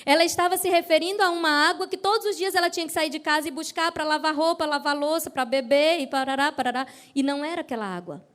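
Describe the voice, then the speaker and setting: Woman preacher, high voice, from Brazil, lively sermon storytelling, asks the congregation questions. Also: quick pace, hardly any pauses. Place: church service.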